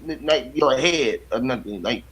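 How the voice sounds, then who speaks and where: A man's voice: medium pitch, lively intonation, normal speed, a bit bright, slightly rough. A middle-aged man streaming late at night, telling loose, profane stories and laughing often. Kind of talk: late-night casual chat.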